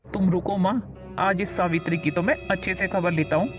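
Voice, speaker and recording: A woman playing a hot-tempered young married man who shouts angrily at his wife. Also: on the low side, steady tone, brisk, music in the background, lightly acted. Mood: angry. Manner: angry, shouting orders.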